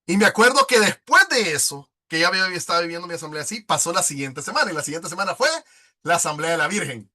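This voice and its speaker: A man's voice: sits high, animated, fast talker, pushed and bright. A middle-aged man, telling his personal faith testimony with emotion and acting out past conversations. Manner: emotional storytelling, acts out past dialogue. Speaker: testimony speaker at a prayer group.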